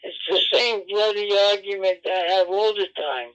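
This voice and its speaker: Over a dull, lo-fi digital ham radio link, a male amateur radio operator argues insistently and combatively, repeating himself and swearing into a radio transceiver microphone. His voice is high, a bit bright and smooth, at a normal speed.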